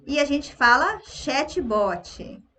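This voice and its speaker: A Brazilian woman with a Brazilian Portuguese accent, teaching English pronunciation in an online lesson by repeating words slowly. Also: high-pitched, big pitch swings, sharp tone.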